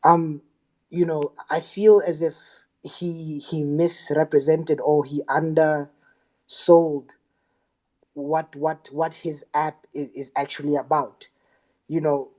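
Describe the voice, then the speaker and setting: Man, hesitant speaker, warm low tone, casual audio-room remarks. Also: flat delivery, slow. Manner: hesitant, repeats words, apologetic. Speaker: speaker in the discussion.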